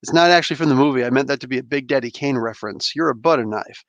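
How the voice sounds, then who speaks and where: Talking very fast at medium pitch, this New Jersey man in his thirties sounds a bit bright, though the dry recording is dull. He hosts a casual livestream, reading chat and opening toys in a rambling, slangy, laid-back way with frequent laughter.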